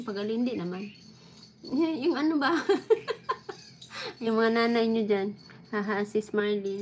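A chatty woman hosts a relaxed live stream, talking to her viewers and breaking into laughter between phrases. Her voice sits a little high, and a steady hiss of room noise runs under it. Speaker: livestream host reading viewer comments. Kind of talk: casual live chat over coffee.

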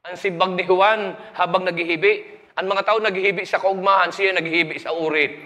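A man's voice: high voice, steady tone, fairly quick, bright, forceful tone. A Filipino man, preaching a sermon with joking stories and English phrases, recorded in an echoey hall. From Philippines. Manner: storytelling with jokes, switching to English.

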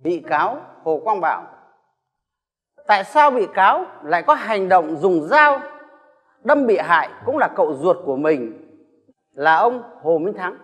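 A stern trial judge. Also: male voice, sits high, sing-song, unhurried, long pauses, fairly bright tone, big-room sound, heavily acted. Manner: stern, formal questioning. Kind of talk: dramatized courtroom questioning.

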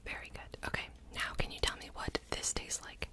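A young adult woman whispering a fast ASMR role-play as a medical examiner, giving brisk, clipped instructions close to the microphone. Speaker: ASMR creator playing a cranial nerve examiner. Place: small indoor home room. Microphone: large microphone close in front of the mouth.

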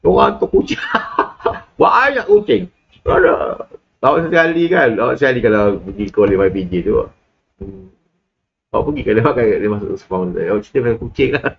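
Rambling Malaysian male lecturer, lively. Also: medium pitch, quick pace, gravelly, husky, highs cut off. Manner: rambling, with many fillers and laughs. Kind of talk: casual classroom talk.

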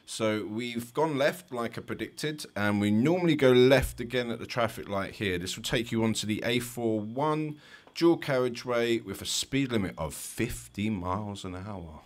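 A man's voice: mid-range voice, expressive, normal speed. A man with a London accent, a driving instructor giving chatty, explanatory commentary over driving test footage with light jokes.

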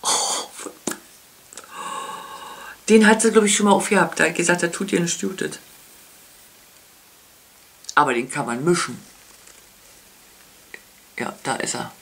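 A woman chatting casually as she unboxes makeup, gushing with many soft whispered asides. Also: fairly low pitch, expressive, measured pace, vocal fry, pauses often. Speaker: beauty vlogger.

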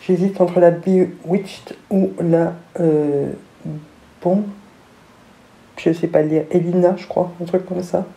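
A woman's voice: fairly low pitch, fairly even intonation, takes it slowly, vocal fry, dark tone, rough recording. A middle-aged woman with a lisp and slushy s sounds, chatting casually through a makeup tutorial. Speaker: beauty vlogger. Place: small room at home, indoors.

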